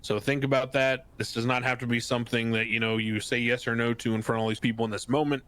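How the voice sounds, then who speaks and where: A formal, diplomatic election official played by a man in a game role-play. His voice sits at a middle pitch, and he announces things in a measured, hesitant way. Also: flat delivery, a bit bright, natural voice.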